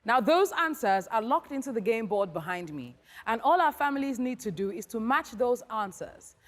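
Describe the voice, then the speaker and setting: A woman's voice: on the high side, sing-song, normal speed. A woman with a Nigerian accent presenting a game show to a studio audience, projecting with an exuberant, teasing manner. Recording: reverberant studio hall, crowd noise. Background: studio audience and noise.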